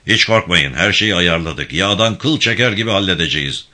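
A man voicing a stern, commanding male militia band leader who gives hushed orders. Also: sits low, animated, brisk, a little hiss or hum, exaggerated voice.

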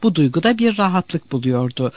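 A man narrating a novel in an expressive storytelling manner. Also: a little high, fairly quick, no echo. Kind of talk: audiobook narration.

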